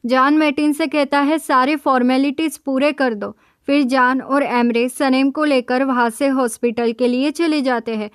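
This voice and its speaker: A woman narrating a TV drama episode, retelling the events in steady storytelling and quoting each character's lines along the way. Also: high-pitched, normal speed, hardly any pauses, clean tone, dry recording, studio quality.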